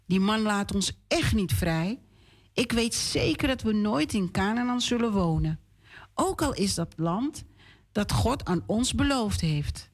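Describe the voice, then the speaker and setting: Woman doing a gentle reassuring father. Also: mid-range voice, lively intonation, takes it slowly. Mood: sad. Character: kind caring father.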